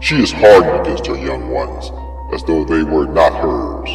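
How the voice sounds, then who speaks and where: A man with a rumbling low voice, big pitch swings and a slightly slow pace dramatically reads archaic scripture, solemn and theatrical, asking grand rhetorical questions. The recording is echoey, with long reverb over background music.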